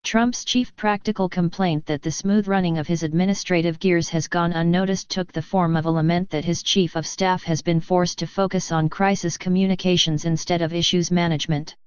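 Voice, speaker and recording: A woman reading scripted news narration in an even, measured way. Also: fairly low pitch, clean tone, no room sound, highs cut off.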